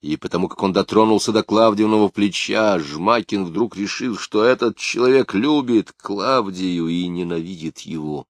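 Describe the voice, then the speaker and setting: A man narrating a novel in a measured, even storytelling voice. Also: on the low side, no echo. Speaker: audiobook narrator. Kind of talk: scripted narration.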